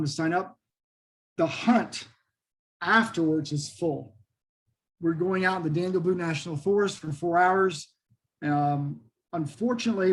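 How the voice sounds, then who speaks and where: High-pitched, husky man. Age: middle-aged. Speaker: interview guest, Bigfoot researcher. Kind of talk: casual interview talk.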